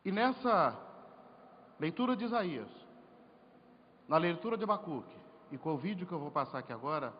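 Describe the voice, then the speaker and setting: A man's voice: a little high, normal speed, pauses often. Preacher man telling a testimony. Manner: storytelling, animated, jokes and rhetorical questions. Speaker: preacher at a men's congress. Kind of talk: sermon with personal testimony. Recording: lo-fi hall recording with faint noise.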